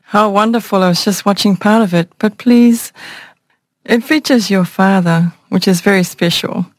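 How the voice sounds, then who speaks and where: A woman from Samoa hosting an interview, asking questions with warm interest. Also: mid-range voice, normal speed, no room sound. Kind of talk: broadcast interview.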